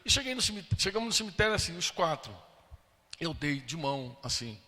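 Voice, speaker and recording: A man's voice: a little high, big pitch swings, a little fast, sharp tone. A Brazilian man preaching a sermon, telling an emotional personal story and acting out the voices of the people in it. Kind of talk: sermon testimony. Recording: long hall reverb.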